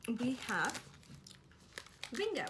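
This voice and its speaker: A woman's voice: fairly high pitch, very animated, very slow, background noise. A British woman chatting casually while tasting snacks, talking between bites and teasing herself. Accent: British English. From United Kingdom. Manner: chatty, eating while talking, self-mocking. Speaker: vlogger.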